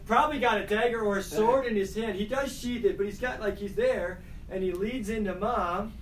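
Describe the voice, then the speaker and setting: A man teaching a high school class, lively and directing students to act out a scene. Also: brisk, slight background noise, rough recording.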